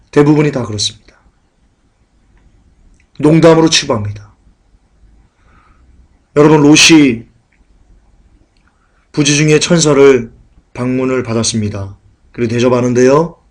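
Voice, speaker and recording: A man preaching a sermon in dramatic style, acting out mocking crowds and loud shouted warnings. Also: medium pitch, a little slow, pauses often. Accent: Korean.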